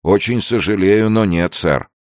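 A man with a very deep voice voicing a wary, stubborn ship's sailor who refuses firmly but respectfully in a story reading. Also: measured pace, dry recording, studio quality, close to an everyday voice. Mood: refusing.

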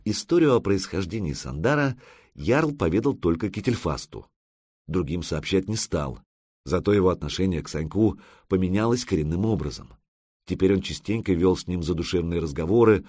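A male audiobook narrator with a very low, husky voice. His telling is expressive, rising and falling widely in pitch. The recording is close and dry. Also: dry recording. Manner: expressive storytelling with lively intonation.

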